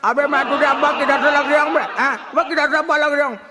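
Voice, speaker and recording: A man's voice: very high voice, steady tone, fast talker, over a noisy crowd. A man in a comic sketch, irritable and scolding, laughing as he rants. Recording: hall reverb with clear noise.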